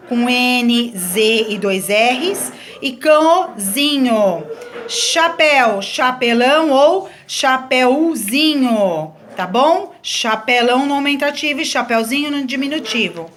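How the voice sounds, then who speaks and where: A woman's voice: a little high, expressive, measured pace, fairly bright tone, slight background noise. A woman teaching a grammar lesson, explaining the rules patiently step by step with examples.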